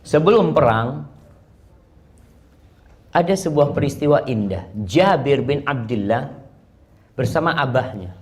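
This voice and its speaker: Give me a man with an ordinary mid-range voice giving a lively storytelling sermon. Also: medium pitch, a little slow, long pauses. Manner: animated storyteller, switching between narration and recited Arabic. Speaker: preacher.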